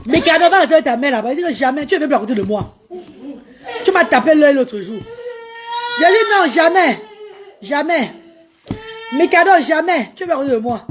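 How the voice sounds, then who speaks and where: A woman's voice: high-pitched, fast talker, long pauses, noisy background. A woman hosting a casual live stream, talking to her viewers and coaxing a child beside her. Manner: animated, coaxing a child between remarks to viewers.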